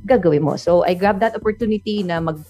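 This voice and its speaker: A woman's voice: lowish voice, fast, dark tone. A woman with a Filipino accent co-hosting a morning radio show, telling stories in a chatty, laughing way. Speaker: radio DJ co-host. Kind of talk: casual radio chat.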